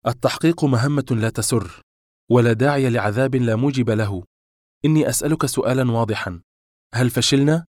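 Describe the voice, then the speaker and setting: A man voicing a hurt, sharp-tongued young woman. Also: medium pitch, lively intonation, quick pace, no room sound, studio quality, pitched above the performer's own voice, natural voice. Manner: sharp, urgent questioning. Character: distressed young woman confronting her lover.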